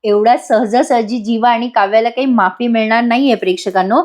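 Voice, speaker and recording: A woman's voice: on the high side, steady tone, fairly quick, darkish tone. A woman narrating a TV serial recap as a voice-over, chatty and addressing viewers directly. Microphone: voice-over recording.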